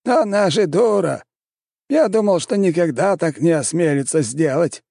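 A man's voice: a little high, animated, normal speed, creaky, warm tone, dry recording, clean studio sound, pitched above the performer's own voice. A man playing a haughty, scornful emperor. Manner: haughty, dismissive. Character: arrogant scornful male emperor, middle-aged ruler.

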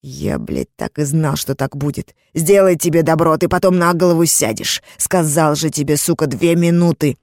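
A woman's voice: deep voice, normal speed, vocal fry, hardly any pauses, darkish tone, dry recording, studio quality. A woman voicing a brutal, menacing man who holds her captive, speaking crudely and threateningly in an audiobook. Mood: raging. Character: brutal menacing man, a rude jealous captor.

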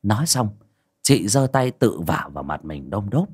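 Guy reading a horror story, really lively pitch, dramatic. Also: normal speed, breathy edge. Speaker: narrator.

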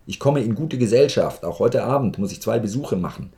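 A man voicing a desperate, vain male officer who pleads in a raised, loud voice. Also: on the low side, animated, brisk, voice pushed up. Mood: pleading.

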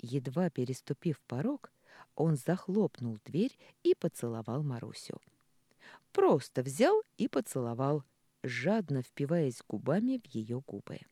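A man's voice: medium pitch, sing-song, unhurried, mellow, no echo, clean studio sound. A man narrating a story expressively, with shifting emphasis. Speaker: audiobook narrator.

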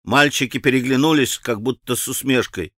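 A man narrating a classic novel as an audiobook, with expressive, measured storytelling. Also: medium pitch, dry recording. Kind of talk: scripted narration. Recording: dry studio recording.

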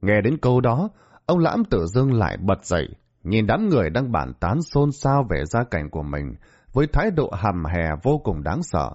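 A man narrating a dramatic scripted story in an expressive storytelling voice. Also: on the low side, moderate pace. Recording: dull lo-fi audio.

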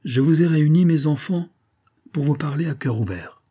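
A man's voice: mid-range voice, normal speed, dark tone, slightly rough, close to an everyday voice. A man voicing an elderly general, a kindly but solemn patriarch who speaks firmly and formally.

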